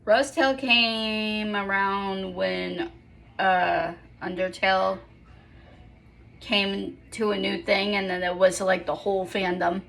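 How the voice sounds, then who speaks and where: A woman's voice: medium pitch, level tone, slow pace, creaky, fairly bright tone. A young woman in casual vlog chat at home, rambling and correcting herself with apologetic asides. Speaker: vlogger.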